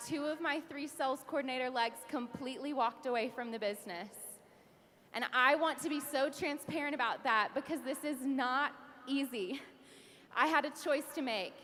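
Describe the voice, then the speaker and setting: With a high-pitched, bright, and forceful voice, a young award speaker in her twenties pours out a heartfelt speech on stage, occasionally laughing through tears. The hall is reverberant with an audience present, and there's slight background noise.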